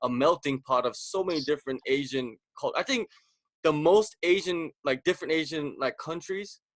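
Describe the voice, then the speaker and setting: A man's voice: a little high, moderate pace, dry recording. A man from the US West Coast hosting a podcast interview. He talks casually, filling his sentences with "like" and "you know.". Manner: conversational, filler-heavy with frequent "like". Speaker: podcast host.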